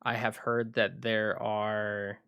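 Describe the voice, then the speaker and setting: A man talks through a casual livestream from his computer at home, thinking aloud and pausing often as he goes. His voice sits on the low side. The sound is dry, with no room echo. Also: level tone, vocal fry, fairly bright tone, smooth. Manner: rambling, thinking aloud with frequent pauses. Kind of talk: casual solo livestream chat.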